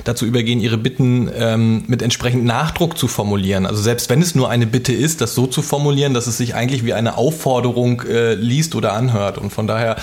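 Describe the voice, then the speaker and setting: A man co-hosting a podcast, thinking aloud in a hesitant way with lots of pauses and hedging. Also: medium pitch, fairly even intonation, darkish tone. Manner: hesitant, many "ähm" fillers and restarts. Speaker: podcast co-host. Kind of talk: casual podcast discussion.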